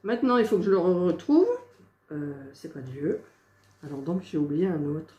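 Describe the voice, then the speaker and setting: A woman's voice: on the low side, expressive, normal speed, dark tone, muffled recording. A woman vlogging her craft project, talking to herself as she hunts for missing pieces, with exasperated asides to viewers. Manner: talks to herself while searching, exasperated asides. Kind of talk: casual crafting chatter. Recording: echoey room with faint noise.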